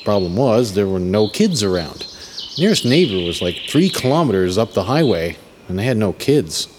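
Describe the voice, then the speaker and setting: A man's voice: lowish voice, very animated, normal speed, darkish tone, a little hiss or hum. A man narrating a first-person story in a reflective, wry manner. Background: music.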